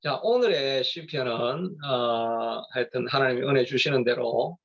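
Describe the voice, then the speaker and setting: Middle-aged male pastor, gravelly, talks off the cuff with fillers and restarts; muffled lo-fi sound. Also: mid-range voice, a little slow, fairly bright tone. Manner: rambling, conversational, many fillers and restarts. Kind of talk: sermon.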